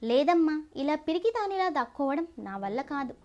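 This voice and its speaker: A woman's voice: high-pitched, big pitch swings, normal speed, a little mellow, lo-fi sound. A woman voicing a fierce, stubborn young woman in an audio story, speaking with determination. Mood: defiant. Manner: pleading, determined. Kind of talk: storybook narration.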